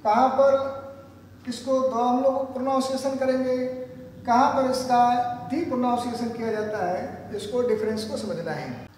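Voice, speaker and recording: A man teaching English grammar, explaining slowly and deliberately, repeating words for emphasis. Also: extremely high pitch, a little mellow. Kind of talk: grammar lesson explained in Hindi. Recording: echoey room with long reverb, faint noise.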